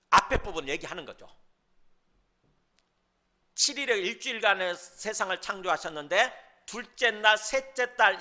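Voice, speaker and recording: Lively, bright-voiced male pastor preaching. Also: sits high. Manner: conversational preaching with rhetorical questions; mimics scoffers in mocking asides. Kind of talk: sermon.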